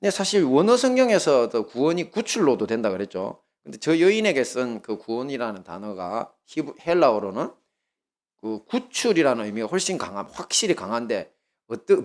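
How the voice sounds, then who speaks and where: A male pastor with a Gyeongsang Korean accent, preaching a sermon with lively storytelling and questions put to the congregation. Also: mid-range voice, fairly quick.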